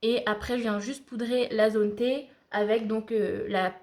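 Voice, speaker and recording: A woman's voice: fairly high pitch, steady tone, unhurried, darkish tone. A woman giving a casual makeup tutorial, chatting to viewers like friends with frequent hesitations. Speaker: beauty vlogger.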